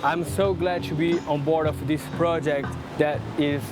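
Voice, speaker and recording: A man's voice: a little high, steady tone, unhurried, over music. A man who paints murals, speaking earnestly in a documentary interview with slightly non-native phrasing.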